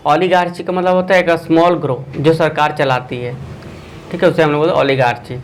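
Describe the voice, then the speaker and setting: A man's voice: fairly high pitch, steady tone, fairly quick, poor audio. Man teaching an online exam class. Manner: quizzing viewers with a repeated filler.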